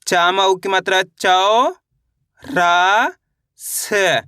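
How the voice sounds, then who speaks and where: High bright-voiced male teacher. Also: steady tone, smooth, no echo, clean studio sound. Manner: slow drilling, repeats each syllable, asks "how will we read?". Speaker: Hindi reading teacher. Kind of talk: online lesson.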